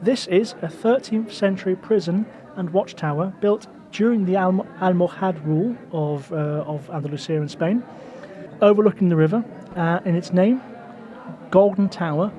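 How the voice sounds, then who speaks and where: A man's voice: high-pitched, moderate pace, warm tone. A man hosting a walking tour outdoors on a city street, talking in a chatty, digressive way full of fillers. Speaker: podcast host and tour guide.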